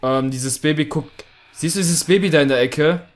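A man's voice: fairly high pitch, moderate pace. A young man hosting a casual co-op horror let's play, jumpy and swearing when startled. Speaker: gaming channel host.

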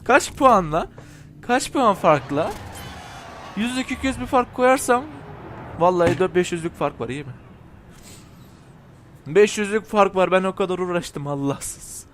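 A young Turkish man giving let's play commentary over a racing game, excitable, shouting and cursing at rival cars. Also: sits high, normal speed, pauses often, a little hiss or hum. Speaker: gaming YouTuber.

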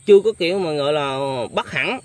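A man's voice: a little high, animated, a little fast. A young man hosting a casual interview, speaking politely with many hesitant fillers. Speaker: vlogger host.

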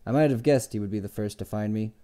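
A man's voice: on the low side, quick pace, dark tone, a little hiss or hum, lightly acted. A man reading aloud and voicing a guarded innkeeper with a dry, cutting, sarcastic way of talking. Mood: sardonic. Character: guarded sardonic male innkeeper, middle-aged.

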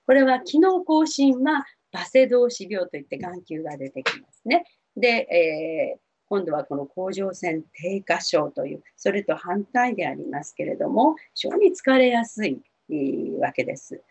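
Soothing husky woman counselor, lively pitch. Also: moderate pace. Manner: gentle, reassuring, many fillers. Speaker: spiritual counselor answering viewer questions. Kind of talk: advice talk to TV viewers. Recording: dull lo-fi TV audio.

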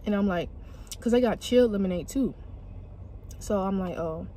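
A young woman talks straight to the camera from inside her car, loose and slangy, the way a vlogger chats with viewers. She records on a phone propped by the steering wheel. Steady car and street noise runs underneath her voice. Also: medium pitch, normal speed. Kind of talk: casual car mukbang vlog.

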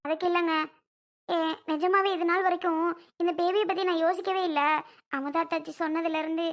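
A woman's voice: very high voice, fairly even intonation, fairly quick. A woman playing a young wife who sulks and cries, stubborn and plaintive, in a family skit. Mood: pleading. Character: young wife, sulky and tearful.

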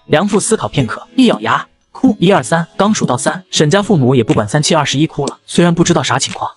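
Rapid male storyteller. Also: a little high. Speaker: story narrator. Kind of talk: scripted novel narration.

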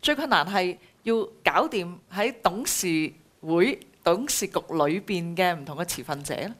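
A woman's voice: lowish voice, expressive, normal speed, a bit bright. A woman, a co-interviewer asking a probing question that lists one point after another. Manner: asks in a listing, probing way.

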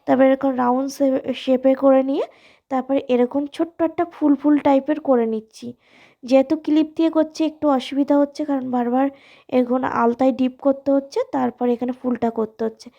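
A woman, hoarse from a cold, casually walking viewers through a step-by-step craft tutorial in a friendly, direct way. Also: high-pitched, fairly even intonation, a little fast, dark tone, highs cut off. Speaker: alta design tutorial host.

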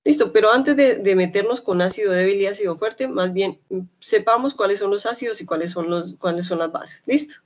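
A young adult woman with a Colombian accent from Medellín, teaching an online chemistry class in a chatty way. She keeps checking in with her students and slowly repeats key terms. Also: mid-range voice. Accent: Colombian Spanish, Medellín.

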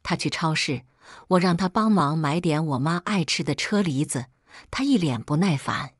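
A woman's voice: low voice, expressive, moderate pace, husky, dry recording, clean studio sound. A woman reading a first-person family quarrel story in a scripted, dramatic storytelling way.

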